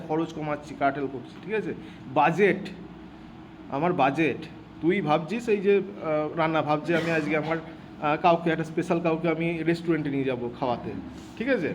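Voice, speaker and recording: Man, high voice, vocabulary teacher, repeats himself, faint background hiss. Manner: repeats words, asks and answers his own questions. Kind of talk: vocabulary lesson explained in Bengali.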